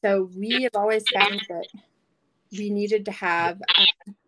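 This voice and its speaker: A woman's voice: mid-range voice, fairly even intonation, slow, bright, forceful tone, poor audio. A woman in her forties, a podcast guest who runs a small business, talking in a cheerful, chatty way with frequent fillers. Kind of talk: casual podcast interview.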